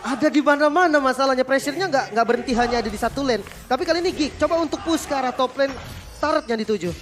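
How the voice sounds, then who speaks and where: Esports caster, male, Indonesian accent, high pitch, rapid match commentary. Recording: music behind the voice. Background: music.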